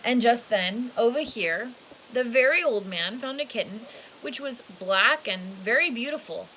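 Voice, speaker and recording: A woman's voice: on the high side, lively intonation, a little slow, fairly bright tone, rough recording. A woman reading a children's picture book aloud expressively, stretching key words and adding casual asides. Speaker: storybook reader. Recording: hissy home recording with background noise.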